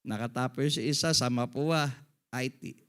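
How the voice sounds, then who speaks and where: A man's voice: normal speed, clean tone. A middle-aged man preaching as a pastor, mixing English phrases into his sermon and calling for "Amen" from the congregation. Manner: swings between quiet, low asides and loud, high-pitched emphasis. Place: church service.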